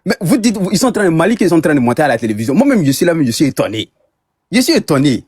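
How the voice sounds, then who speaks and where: Man from ivory coast arguing on an online call, talks fast and stumbles over words. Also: fairly high pitch, sing-song, darkish tone, slightly rough, dry recording, clean studio sound. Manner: hesitant, repeats words, gets defensive. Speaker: caller in an online debate. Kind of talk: heated debate.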